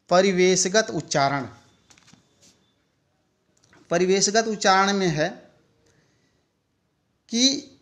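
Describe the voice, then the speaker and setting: A man giving a recorded e-learning lecture, explaining slowly and deliberately and speaking worked examples aloud. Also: sits high, fairly bright tone. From India. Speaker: teacher educator.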